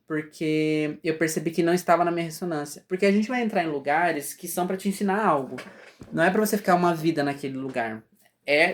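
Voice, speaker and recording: A man with a Brazilian Portuguese accent leads a relaxed spiritual lesson. He talks in an easy, conversational flow, stopping now and then to ask his listeners if they understand. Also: high voice. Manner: conversational, often asks "entende?". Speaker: spiritual teacher. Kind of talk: casual spiritual class.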